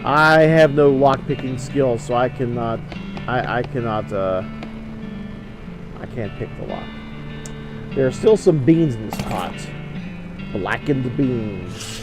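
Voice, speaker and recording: A man's voice: mid-range voice, a little slow, long pauses. A man giving let's play commentary, reading game text aloud and commenting as he plays. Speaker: gamer playing and narrating a video game. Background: game music with guitar.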